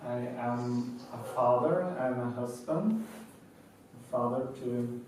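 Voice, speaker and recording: A man in his thirties from Norway speaks slowly and methodically to a live audience. His voice sits in the middle range for a man. It comes from a distance in a very echoey room, with a faint hum behind it. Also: medium pitch, darkish tone. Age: 30s. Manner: measured, methodical, with pauses. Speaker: speaker presenting his company. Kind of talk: prepared talk to a live audience.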